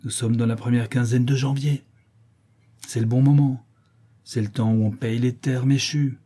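A man voicing a cold, calculating brigand in an audiobook, calm and authoritative. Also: mid-range voice, normal speed, breathy edge, lightly acted. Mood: commanding.

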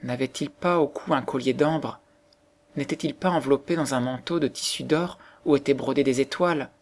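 A man voicing a grieving beggar mother who pleads softly and quietly. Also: medium pitch, moderate pace, close to an everyday voice. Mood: urgent.

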